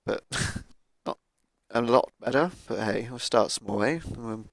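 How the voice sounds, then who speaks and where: Man, low and gravelly with a croaky cold, casual gaming commentary, dry cheap mic. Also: unhurried, dry recording. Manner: thinking aloud, laid-back, with fillers. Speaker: gaming YouTuber. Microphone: cheap microphone.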